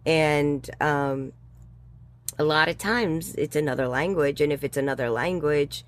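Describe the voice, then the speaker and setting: Speaking in a low voice at a measured pace, a woman in her sixties joins an interview as a guest educator. The exchange is conversational, and she muses aloud with plenty of ums and brief chuckles.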